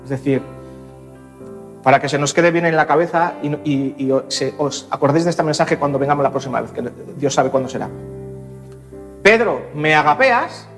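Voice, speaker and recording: A male pastor preaching a sermon in a church, animated and acting out scenes with shifts in voice. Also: mid-range voice, brisk, faint music behind.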